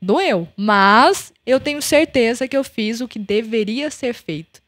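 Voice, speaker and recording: A woman's voice: on the high side, unhurried, dry recording. A young adult Brazilian woman hosting a podcast, telling a personal story and acting out the dialogue in it. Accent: Brazilian Portuguese. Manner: animated, acts out the dialogue of her story. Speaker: podcast host.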